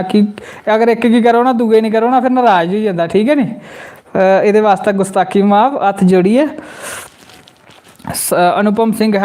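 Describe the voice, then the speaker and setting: A man with a Dogri accent from Jammu, telling a comic story on a live stream and reading out viewer comments. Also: sits high. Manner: animated storyteller, bursts into quoted voices. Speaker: comedy channel host.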